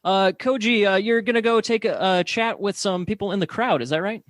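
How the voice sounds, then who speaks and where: Guy doing fake play-by-play, lots of uhs, deadpan, pretty high voice. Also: brisk, dry recording, studio quality. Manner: hesitant, filler-heavy, deadpan. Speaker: play-by-play announcer. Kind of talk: mock sports commentary.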